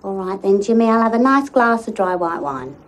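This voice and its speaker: A woman's voice: mid-range voice, animated, a little fast, close to an everyday voice. A young woman with a London accent playing a brash, blunt, complaining girlfriend in a naturalistic television comedy-drama. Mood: indignant.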